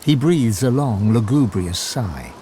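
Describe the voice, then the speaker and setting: A dramatic game narrator. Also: male voice, lowish voice, very animated, slow, warm tone, a little hiss or hum. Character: solemn male storybook narrator. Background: game music.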